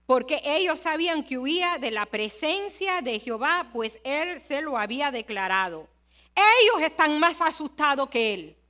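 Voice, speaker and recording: A woman's voice: high-pitched, very animated, measured pace, sharp tone. A woman preaching a sermon, telling stories and speaking straight to her listeners. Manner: storytelling, conversational, asks the listeners directly.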